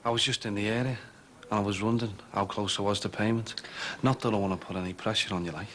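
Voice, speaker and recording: Actor playing a sly moneylender. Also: male voice, on the low side, fairly even intonation, fairly bright tone, lightly acted. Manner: sly, quick insinuating talk. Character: shady male moneylender, smooth and pushy. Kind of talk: 1980s TV soap acting. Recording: hissy old TV broadcast.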